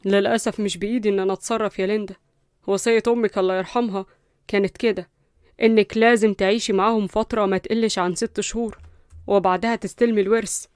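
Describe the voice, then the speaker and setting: A woman's voice: mid-range voice, fairly even intonation, fast, a little mellow, clear, resonant tone, no room sound, studio quality, natural voice. A woman with an Egyptian Arabic accent voicing a middle-aged male family lawyer who explains things formally and insistently.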